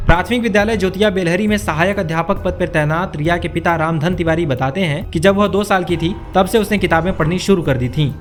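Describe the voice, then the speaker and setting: A man's voice: high-pitched, fairly quick, few pauses, soft background music. A man working as a news reporter, reading scripted narration for a feature.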